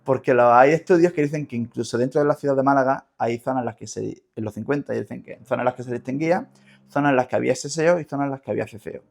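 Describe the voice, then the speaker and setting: A linguist guest with an Andalusian Spanish accent explains things didactically in an interview, often repeating words while he searches for the next one. His medium-pitched voice is gravelly and a little mellow, and he speaks rapid-fire.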